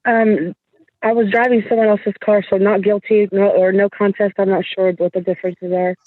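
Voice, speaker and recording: A woman's voice: medium pitch, little pitch movement, moderate pace, no room sound. Hesitant woman on a tinny conference call. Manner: hesitant, unsure. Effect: conference call audio. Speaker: defendant.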